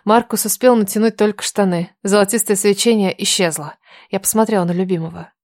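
A woman reading a first-person story aloud in steady scripted narration. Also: mid-range voice, a little fast, no echo, clean studio sound. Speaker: audiobook narrator.

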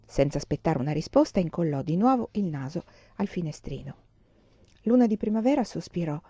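A woman reading a novel aloud as audiobook narration, measured and unhurried, on a close mic. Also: fairly low pitch, expressive, mellow, husky, no echo. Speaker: reader.

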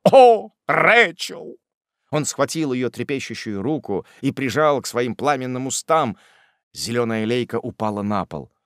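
A man narrating a classic novel as an audiobook reader, in an expressive, measured storytelling manner. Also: medium pitch, no echo, clean studio sound.

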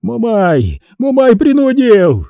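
A cowardly old merchant shrieks and begs in a high, strained wail, as a male reader puts him on. The voice is dark and husky and sits close and dry. The pitch swings widely between his cries. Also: big pitch swings, moderate pace, no room sound, heavily acted. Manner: wailing, pleading, high-pitched.

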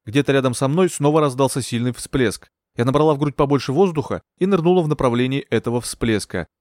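Male audiobook narrator, measured first-person reading, mid pitch. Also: darkish tone, no echo, clean studio sound. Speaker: audiobook reader.

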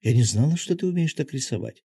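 A man voicing an emotional young noblewoman who gets excited and whose voice trembles. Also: rumbling low, quick pace, husky, no room sound, clean studio sound, pitched above the performer's own voice, heavily acted. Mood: astonished.

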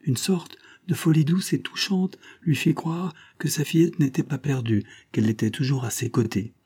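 A man narrating a novel as an audiobook in a measured, expressive way. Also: fairly high pitch, slightly rough. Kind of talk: novel reading.

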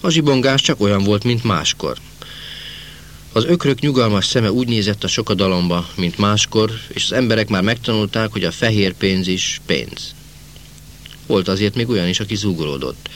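A man narrating a novel as an audiobook, in a measured first-person storytelling manner. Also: lowish voice, a bit bright, slight background noise. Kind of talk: novel reading.

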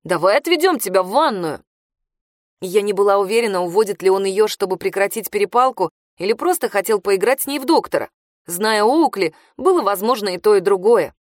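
A woman narrating a first-person novel in a wry, expressive way. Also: medium pitch, a little fast, no room sound, clean studio sound. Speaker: audiobook narrator.

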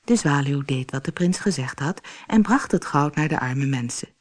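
A woman reading a fairy tale aloud for an audiobook in a calm, clear storytelling manner. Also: low voice, moderate pace. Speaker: narrator. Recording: faint music behind the voice.

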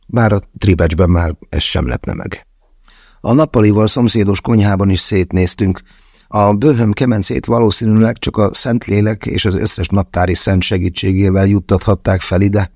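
A man's voice: fairly low pitch, gravelly, darkish tone, no room sound, studio quality. A man narrating a first-person novel as an audiobook, wry and conversational in his storytelling.

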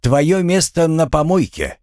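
A man's voice: mid-range voice, big pitch swings, moderate pace, no room sound, clean studio sound, pitched above the performer's own voice. A man voicing a smug male guardian spirit who lectures others in a condescending way. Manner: condescending, preachy.

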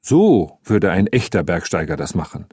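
A man reads a grown detective who teases without raising his voice, husky and low-pitched. He is unhurried and dry in tone, and the sound is close and dead. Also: big pitch swings, dark tone, no room sound, exaggerated voice. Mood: wry. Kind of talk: audiobook character reading.

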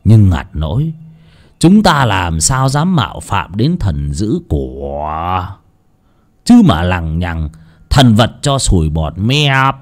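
Guy doing a nasty greedy old village boss, slow sneery drawl, swings all over the place. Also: low voice, sing-song, exaggerated voice. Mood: gloating. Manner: sneering, mock-sweet then cackling. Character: cruel greedy old village chief, gloating killer.

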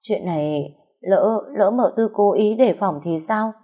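A woman's voice: medium pitch, a little slow, warm tone, pitched above the performer's own voice, lightly acted. A woman with a Southern Vietnamese accent voicing a scheming older nanny who wails melodramatically. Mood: flustered. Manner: wailing, melodramatic exclamations.

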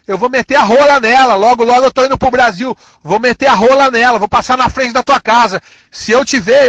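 Speaking São Paulo Portuguese, a very high-pitched man with a fairly bright voice unleashes an aggressive, insulting tirade, repeating his threats and drawing them out. He comes from São Paulo, Brazil. There's no room sound in the recording.

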